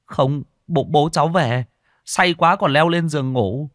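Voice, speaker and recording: A man's voice: a little high, measured pace, a bit bright, no room sound, studio quality, voice pushed up. A man voicing a frightened young village man who talks urgently, out of breath. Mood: anxious.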